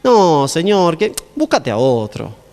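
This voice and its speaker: A man's voice: on the high side, sing-song, slow, a little mellow, big-room sound, heavily acted. A man with an Argentine Spanish accent voicing an eighty-year-old Moses, pleading and hesitant, stumbling over words.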